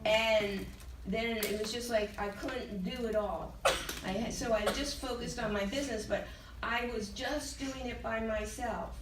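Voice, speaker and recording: A woman's voice: a little high, fairly even intonation, measured pace, hardly any pauses, background noise. An older woman telling her own story to a training audience, candid and emotional, often laughing as she recalls things. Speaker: speaker at a sales training event. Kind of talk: personal testimony to an audience. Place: large meeting room with an audience. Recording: echoey hall, mic from far off.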